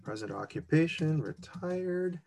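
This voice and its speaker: A man co-hosts a casual screen-share walkthrough of an online immigration form, thinking aloud and laughing at his own slips. His voice sits on the high side, creaky and darkish, with lively intonation and a slightly slow delivery.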